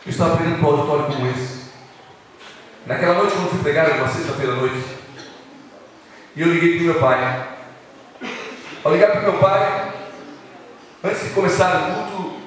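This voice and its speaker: Brazilian pastor preaching in an echoey hall. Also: male voice, a little high, moderate pace, long pauses, a little hiss or hum. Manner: storytelling, swings from loud to hushed. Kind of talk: evangelistic sermon. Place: large church hall. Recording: echoey hall recording from a distance.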